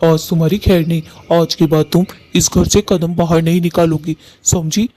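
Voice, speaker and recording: A man's voice: on the high side, flat delivery, moderate pace, dark tone, natural voice. A man voicing a stern, protective father bird in a cartoon who gives firm commands. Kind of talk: Hindi cartoon voice acting.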